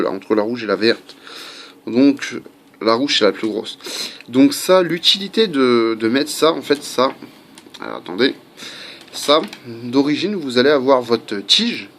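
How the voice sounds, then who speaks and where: A man's voice: medium pitch, normal speed. A man giving a casual how-to video at home, chatty and full of fillers, with faint construction noise behind him. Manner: chatty, many fillers and asides. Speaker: airgun hobbyist demonstrating a part swap.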